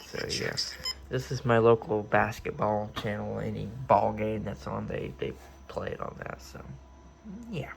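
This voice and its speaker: Speaking a little slowly in a fairly low, level voice, a man gives a casual tour of his radio hobby equipment indoors in his room. He's a vlogger who wanders and pauses as he thinks, and the home recording has obvious noise.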